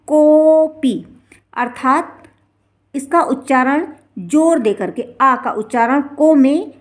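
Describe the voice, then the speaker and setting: A woman teacher explaining the lesson slowly and carefully, repeating each example word with drawn-out pronunciation. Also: high voice. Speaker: Sanskrit teacher. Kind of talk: classroom-style explanation.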